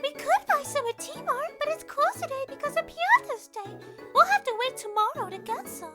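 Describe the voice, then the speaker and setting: A prissy, bossy cartoon princess with an extremely high voice that swoops wildly up and down. She gushes in a mock-regal, theatrical way over loud, playful children's music. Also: big pitch swings, moderate pace. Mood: chirpy. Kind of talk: animated comic dub acting.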